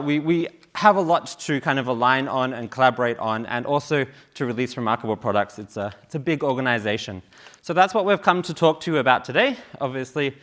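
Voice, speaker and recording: On stage in a large hall, a man in his thirties from the UK gives a casual conference talk through a stage mic, joking and chatting with plenty of fillers. His voice is medium-pitched and fairly bright.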